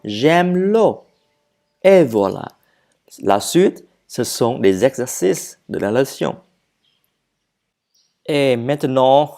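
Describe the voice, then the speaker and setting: A language teacher with a warm, mid-range voice gives a slow French grammar lesson, moving back and forth between French and English. Phrases get repeated, and the teacher often stops to self-correct.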